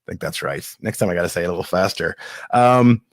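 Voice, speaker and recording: Talking fast in a low-pitched voice, a podcast host rambles through a live-streamed casual Q&A, candid and self-mocking as he answers listeners. He occasionally coughs and hiccups. The sound is clean studio audio without echo.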